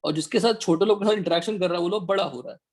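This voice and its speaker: A man teaching an online chemistry class, firing quick questions at his students to check they follow. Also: high-pitched. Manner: quizzing students with rapid questions. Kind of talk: online chemistry class, Hindi mixed with English.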